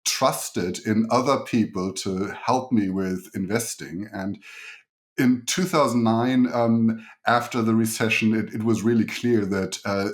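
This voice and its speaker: A middle-aged man with a German accent, giving conversational answers as an interview guest. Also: fairly low pitch. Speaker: podcast guest, engineer and investor.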